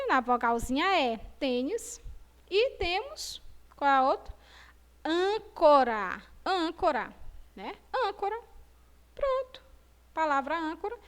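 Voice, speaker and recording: A woman with a Brazilian Portuguese accent teaching young children in a recorded video lesson, in slow, sing-song teacher talk that draws words out. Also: sits high, fairly bright tone. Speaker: primary school teacher.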